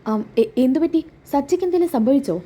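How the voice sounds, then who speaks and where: A woman's voice: high-pitched, animated, quick pace, mellow, voice pushed up. A woman voicing a scheming young woman who puts on sly, fake surprise.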